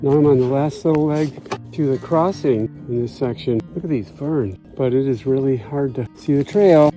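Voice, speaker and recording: Riding alone along swampy forest trails, a man chats to the camera about his trip, sometimes out of breath from the effort, in a mid-range voice at a moderate pace. Music plays in the background of this poor-quality bikepacking vlog audio.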